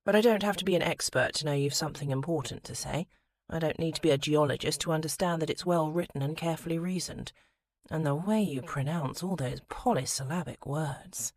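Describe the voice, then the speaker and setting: A woman's voice: sits low, fairly quick. Woman voicing a teasing rakish young lord. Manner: teasing, turning hushed and intimate.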